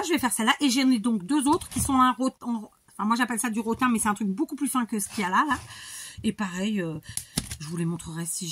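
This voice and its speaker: A woman's voice: medium pitch, slight background noise. A woman in her forties chatting casually to her viewers while she works on a craft project, rambling with many fillers and restarts. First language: speaks Portuguese too. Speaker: crafter vlogger.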